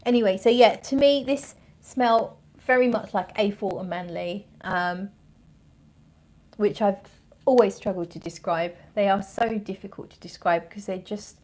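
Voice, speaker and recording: A woman with a mid-range voice chats casually as she hosts a livestream review. She thinks out loud, wandering through her impressions and feeling around for the right word. The delivery is informal and conversational. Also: medium pitch, measured pace. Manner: rambling and conversational, searching for words. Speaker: fragrance reviewer and livestream host. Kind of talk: casual livestream chat, thinking aloud while reviewing scents.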